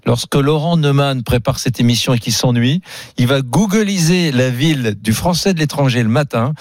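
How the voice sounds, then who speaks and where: A man's voice: mid-range voice, normal speed, no room sound. A man co-hosting a radio talk show, teasing his partner in a mock-indignant, bantering way. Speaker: radio co-host.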